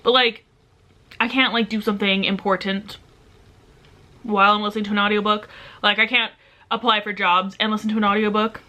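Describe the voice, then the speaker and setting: Bright chatty young woman vlogging. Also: medium pitch, a little fast, pauses often. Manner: rambling, self-deprecating, animated. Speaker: book vlogger. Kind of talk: casual chatty vlog. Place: home room indoors.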